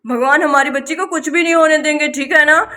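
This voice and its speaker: A woman's voice: high voice, fairly quick, pushed and bright. A grumbling, sleepy husband, played by a woman. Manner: grumbling, scolding, then reassuring. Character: grumpy, sleepy village husband Shyam. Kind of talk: doll story voice acting.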